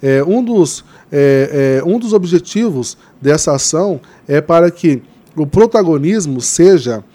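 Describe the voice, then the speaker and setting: A man answers interview questions in a warm, soft-toned voice pitched a bit high. He is earnest and often hesitates on fillers, but builds real conviction as he goes on. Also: expressive, measured pace. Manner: earnest, hesitant with frequent fillers, grows impassioned. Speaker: interview guest, Green Party member organizing a river cleanup.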